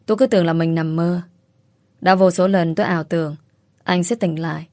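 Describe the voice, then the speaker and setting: A woman reads a first-person romance story aloud in a tearful, pleading way. Her voice is fairly low and the recording is dry and close, with no room sound. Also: steady tone, brisk, mellow, no room sound. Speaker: audiobook narrator. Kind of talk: emotional first-person novel narration.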